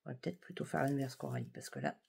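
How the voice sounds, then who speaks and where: A young woman from France chats in a casual, rambling way, full of fillers and restarts. Her voice sits low for a woman. She talks like a friendly book vlogger. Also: wildly swooping pitch, racing, gravelly, a little mellow, slightly rough. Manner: chatty, many fillers and restarts. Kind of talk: casual chat.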